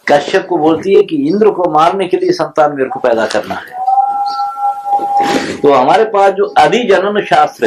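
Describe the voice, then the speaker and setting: Lively high-voiced man in a noisy old recording. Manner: unhurried, discursive storytelling. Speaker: lecturer. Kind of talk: informal lecture retelling scripture stories.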